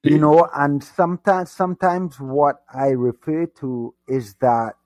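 Male guest from Trinidad and Tobago; reflective, soft-spoken, slightly high pitch. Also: fairly even intonation, unhurried. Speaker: interview guest. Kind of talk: conversational interview.

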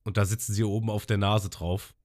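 Lively man retelling a cartoon episode. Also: on the low side, a little fast. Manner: lively storyteller, quotes characters in a raised voice. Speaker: podcast host recapping episodes. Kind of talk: casual retelling chat.

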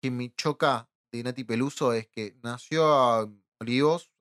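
A man's voice: mid-range voice, unhurried, a bit bright, clear, resonant tone. A man with an Argentine Rioplatense accent, a podcast guest who talks hesitantly and repeats words while he thinks. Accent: Argentine Rioplatense Spanish. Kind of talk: casual chat.

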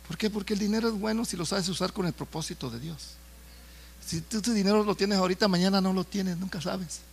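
A man's voice: high voice, a little fast, gravelly, husky. A middle-aged man preaching a sermon, talking to the congregation in a conversational way with stories and jokes.

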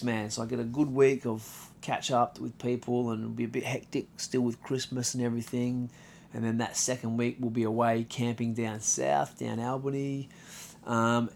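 Gravelly laid-back Australian man podcasting. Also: mid-range voice, a little mellow, a little hiss or hum. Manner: laid-back, profane, rambling with many fillers. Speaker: podcast host. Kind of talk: casual solo podcast rant.

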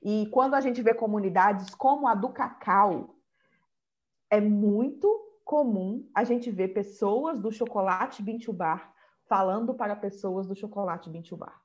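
A woman's voice: mid-range voice, unhurried. A woman in a casual conversation, speaking emphatically and repeating her key phrases. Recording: slightly dull, lo-fi sound.

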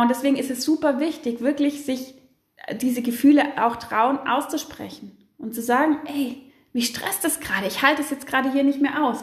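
A woman hosting a parenting podcast, giving casual advice in a lively way with many fillers and acted-out angry outbursts. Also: fairly high pitch, roomy sound. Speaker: podcast host, parenting coach.

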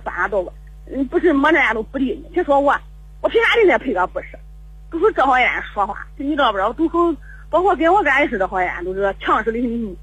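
Her voice on the high side with a breathy edge, an older woman rings a radio show and spins a long story. It meanders and loops back on itself, with stammering restarts, all over a rough-sounding phone line.

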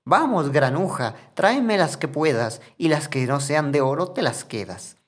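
A man voicing a shrill, furious mother who scolds her son in a rhymed storybook. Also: sing-song, a little slow. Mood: scolding. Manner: shrieking, scolding.

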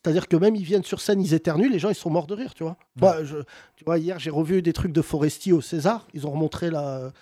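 Host, male, high voice, teasing, quick jokes, casual banter. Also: dark tone, no room sound, clean studio sound. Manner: teasing, laughing, provocative. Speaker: show host.

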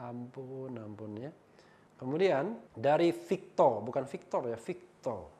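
A man from Indonesia hosting his own channel, casually reading out viewer comments in a raised voice and answering them quietly with a wry chuckle. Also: mid-range voice, expressive, takes it slowly.

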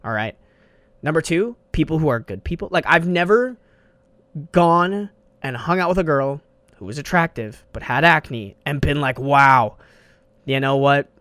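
A young man delivers a casual solo podcast monologue through a desk studio mic, rambling, swearing and dropping "bro" constantly. His voice is on the high side, a bit bright and clean, with lively intonation at a measured pace and no echo.

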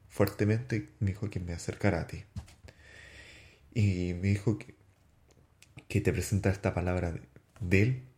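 Earnest man, low mellow voice. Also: echoey room. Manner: earnest, halting with restarts. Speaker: podcast host. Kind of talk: personal faith testimony.

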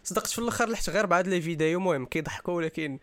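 A man's voice: high-pitched, rapid-fire. A young man with a Moroccan accent talks casually as a podcast co-host, sprinkling French and English words through his speech. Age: young adult. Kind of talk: casual chat.

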